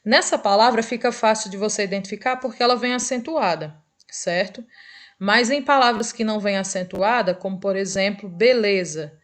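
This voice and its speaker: A woman teacher with a Brazilian Portuguese accent giving a recorded review lesson, patient, checking in often with short tag questions and drawing out example words slowly. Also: mid-range voice.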